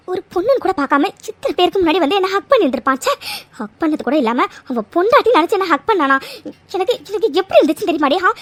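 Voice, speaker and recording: A woman voicing a fiery young heroine, very high and quick. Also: no echo. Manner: scolding, indignant. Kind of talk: Tamil cartoon fan dub.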